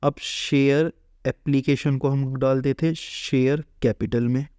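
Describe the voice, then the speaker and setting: This male commerce teacher walks through accounting slowly, his mid-range voice fairly even in intonation, darkish, clear and resonant, with no echo. He plays the company's part in its own words and fires questions he then answers himself.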